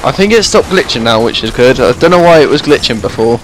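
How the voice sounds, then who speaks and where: A man's voice: mid-range voice, animated, fast, a little hiss or hum. A young man casually commenting while playing a video game, chatting to his viewers. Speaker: gaming YouTuber. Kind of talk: casual let's-play commentary.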